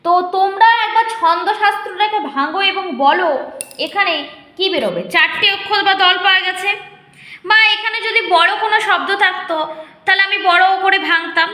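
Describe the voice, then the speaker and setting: A woman's voice: extremely high pitch, brisk, sharp tone. A woman teaching a lesson to students, explaining step by step and asking them whether they follow. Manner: explains step by step, checks understanding with questions. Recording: echoey room.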